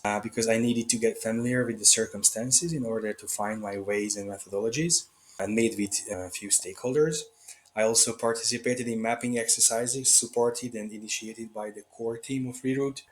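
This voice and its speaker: A man from Hungary, presenting his research in a measured way with frequent hesitations. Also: medium pitch, slight background noise, rough recording. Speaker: researcher at a migrant aid group.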